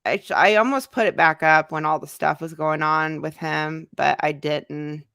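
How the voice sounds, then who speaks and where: This American woman's voice is deep, steady and resonant, clear and fairly bright with some vocal fry, at normal speed. Hosting a casual livestream as a YouTuber, she answers viewer comments in loose fragments, and the studio sound is clean with no echo.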